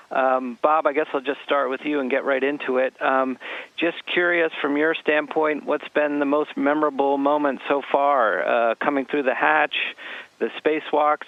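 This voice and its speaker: A man with a gravelly, slightly creaky voice asks polite, hesitant questions, with frequent fillers between his thoughts. His voice arrives over a dry, tinny, phone-like radio link with a narrow band. Nothing of a room is heard around him. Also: medium pitch, dry recording. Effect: heard over a radio link to space. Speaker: newspaper reporter interviewing astronauts.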